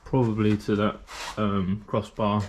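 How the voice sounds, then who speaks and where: A man's voice: on the low side, little pitch movement, unhurried, darkish tone, slight background noise. A man with a British English accent narrating a casual workshop vlog while building a race car, chatty and rambling with lots of fillers, a little out of breath from the heat. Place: hot garage workshop.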